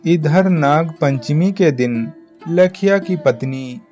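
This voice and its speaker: A man narrating a cartoon story in a measured, plain storytelling manner. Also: fairly high pitch, darkish tone, muffled recording. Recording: echoey, distant, music under.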